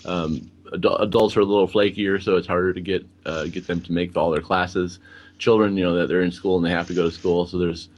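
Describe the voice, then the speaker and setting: A man who teaches English abroad, talking in a halting way and repeating words as he goes. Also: deep voice, fairly even intonation, highs cut off. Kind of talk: casual radio chat.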